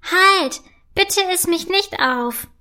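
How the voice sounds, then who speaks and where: A woman voicing a cheeky little dancing gummy bear in a children's story, speaking high and eager. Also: animated, takes it slowly, bright, forceful tone, exaggerated voice. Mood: pleading.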